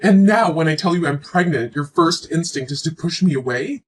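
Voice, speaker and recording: A low-pitched, breathy woman in her twenties speaks animatedly at normal speed over soft background music in a rough recording. In a scripted relationship drama, she plays a hurt young woman pleading and reproachful after just learning she's pregnant.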